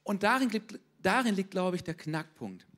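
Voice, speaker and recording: Man, pastor, sermon, lively, addresses congregation directly, slightly high-pitched. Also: moderate pace. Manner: lively, talks straight to the congregation, often asks "ja?".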